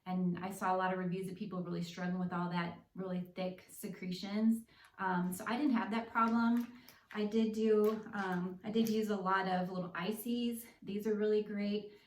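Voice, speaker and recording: A woman speaks in an echoey room, a little away from the microphone. Her voice sits at an average pitch. She talks casually and practically, like a vlogger walking viewers through tips step by step. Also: flat delivery, normal speed, recorded from a distance. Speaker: vlogger sharing personal experience. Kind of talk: casual explanatory vlog talk.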